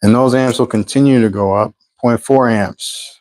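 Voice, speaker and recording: Man, mid-pitched voice, dry close sound, live-stream host, phone mic, reads out numbers. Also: normal speed, a little mellow, dry recording, rough recording. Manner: reads out meter numbers, chatty asides. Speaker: host of a pulse motor channel. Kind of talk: live-stream tinkering commentary.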